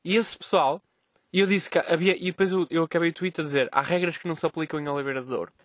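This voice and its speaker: A young man tells stories at a rapid clip, in a voice a little higher than most men's. He swears freely and jumps in and out of quick voices for the people in his stories. The sound is dry and close, with no room around it. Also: no echo. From Vila Nova de Gaia, Portugal. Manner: animated, profane, acts out dialogue in quick voices. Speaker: podcast host. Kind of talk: casual storytelling vlog. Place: outdoors on a street.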